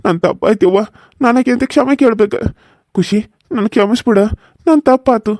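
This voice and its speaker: A voice actor plays a hot-tempered young husband in a cartoon serial, sounding remorseful as he pleads and apologizes in a North Karnataka Kannada accent. His voice is high and darkish in tone, at normal speed, in a dry recording.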